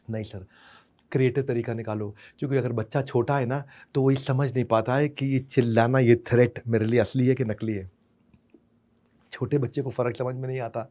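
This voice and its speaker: A man's voice: medium pitch, mellow. Emphatic man giving a motivational lecture. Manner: dramatic, emphatic, rhyming asides; mixes in English phrases. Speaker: parenting speaker.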